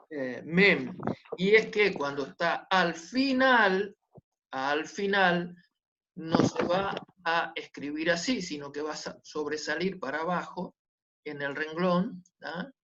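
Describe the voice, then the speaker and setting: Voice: mid-range voice, unhurried, fairly bright tone, highs cut off, slight background noise. A teacher giving a class, patient and repetitive, often checking that the students follow. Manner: patient, repetitive, checks understanding with tag questions. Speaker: Hebrew teacher. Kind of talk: online class lesson.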